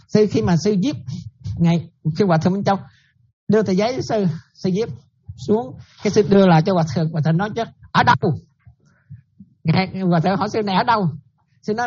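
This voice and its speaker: Husky-voiced nun giving a dharma talk. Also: female voice, mid-range voice, highs cut off. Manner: checks listeners often, repetitive and animated. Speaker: Buddhist nun teacher.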